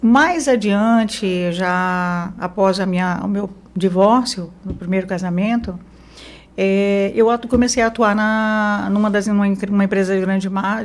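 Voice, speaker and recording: A woman from Mozambique, a business consultant, telling her career story as an interview guest in a relaxed way with fillers and self-corrections. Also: mid-range voice. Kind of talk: interview conversation.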